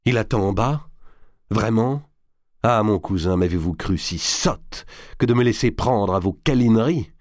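A man's voice: low-pitched, normal speed, mellow, no room sound, studio quality. A man voicing a proud, scornful young queen in an audiobook, her lines cutting and defiant, rising to cries. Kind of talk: audiobook character voice.

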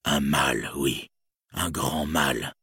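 A wary elf guide speaks low and solemn, heavy with dread, as a man reads him. The voice is very deep and husky. The sound is close and dry. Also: very slow, pushed and bright, dry recording, full character voice. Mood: dismayed.

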